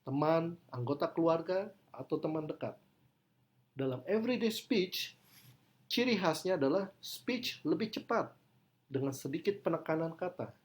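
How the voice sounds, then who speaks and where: A man's voice: fairly high pitch, lively intonation, moderate pace. A man lecturing on English pronunciation, explaining in his own language and speaking example sentences with exaggerated stress.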